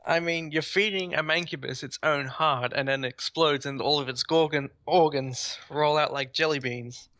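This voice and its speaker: Aussie guy hosting a gaming podcast, bright voice, rambles on excitedly, dry close mic. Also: on the high side, normal speed, few pauses, no room sound. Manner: enthusiastic, rambling. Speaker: podcast host. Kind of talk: casual gaming podcast chat.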